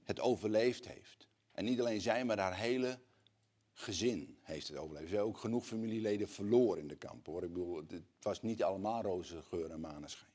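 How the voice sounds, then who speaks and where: A man preaching a sermon, moving between quiet, slow, earnest passages and loud, rising appeals to the congregation. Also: low voice, slightly rough.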